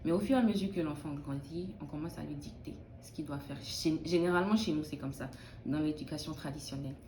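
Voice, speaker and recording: A woman's voice: sits low, quick pace, dark tone, reverberant, slight background noise. A young woman from Benin, a student in early childhood education, answering interview questions in a thoughtful, hesitant way with many restarts.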